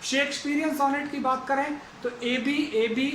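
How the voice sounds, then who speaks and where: A man's voice: very high voice, fairly even intonation, normal speed, a bit bright, roomy sound, a little hiss or hum, rough recording. A man teaching an English lesson, going through it methodically and repeating each step aloud. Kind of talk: explaining a lesson.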